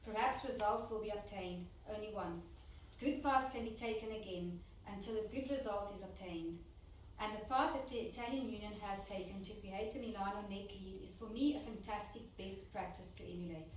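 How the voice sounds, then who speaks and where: A woman interpreting a formal speech, rendering it phrase by phrase in a steady, plain way with small restarts. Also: mid-range voice, normal speed. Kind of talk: consecutive interpretation into English. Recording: echoey hall, distant mic, faint noise.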